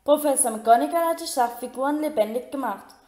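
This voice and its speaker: A clever, brisk schoolgirl witch explaining matter-of-factly, as a woman reads her aloud. The voice sits a little high, with a roomy echo around it in this storybook reading. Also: mellow, close to an everyday voice.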